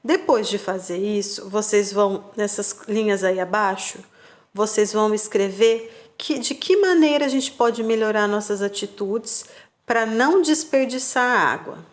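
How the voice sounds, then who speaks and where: Patient woman teacher explaining to kids. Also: medium pitch. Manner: patient, slow, spells out syllables for young children; checks in with "tá bom?" and "combinado?". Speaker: primary school teacher. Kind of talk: remote class instructions.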